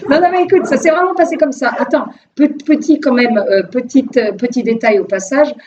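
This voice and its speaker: A woman filmmaker giving a lively personal testimony to an audience, laughing often and restarting her phrases. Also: high voice, a little fast. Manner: animated, laughing, with frequent restarts. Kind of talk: lively storytelling talk to an audience. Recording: distant, dull, slightly noisy room recording.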